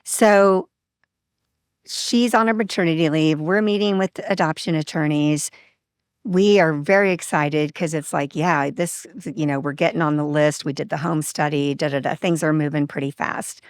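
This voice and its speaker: A woman's voice: sits low, normal speed, smooth, no room sound, studio quality. A woman guest on a podcast telling a personal story in a casual, open way, acting out what people said. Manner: open, animated, acts out quoted dialogue.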